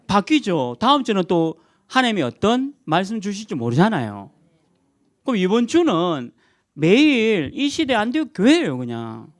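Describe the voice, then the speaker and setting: A middle-aged male pastor preaching a sermon, emphatic and animated, repeating key words and chuckling at his own jokes. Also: high-pitched, moderate pace, no echo, clean studio sound.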